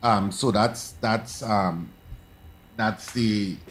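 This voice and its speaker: A man's voice: fairly low pitch, very slow. A man hosting a call-in morning radio show, emphatic and pushing hard on repeated words.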